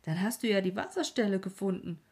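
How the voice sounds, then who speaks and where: A woman voicing an eager, excitable young man who exclaims and asks questions. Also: mid-range voice, quick pace, breathy edge. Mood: excited.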